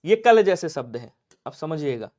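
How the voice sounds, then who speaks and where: A man teaching an exam-prep Hindi grammar lesson, quickly drilling questions and answering them himself in his students' voices. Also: fairly high pitch, big pitch swings, mellow. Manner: drills quickly, urging speed.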